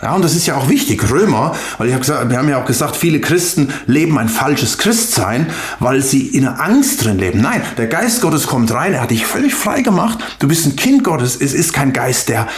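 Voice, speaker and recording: A man's voice: mid-range voice, sing-song, brisk, few pauses. An older man preaching a sermon and leading a prayer, fervent and emphatic, speaking straight to his listeners and often repeating words. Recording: echoey room.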